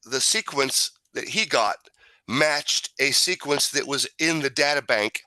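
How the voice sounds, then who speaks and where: A man with a smoker's rasp hosting a casual, opinionated talk, emphatic and repetitive, swearing freely. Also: mid-range voice, measured pace, sharp tone, no room sound. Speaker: talk show host.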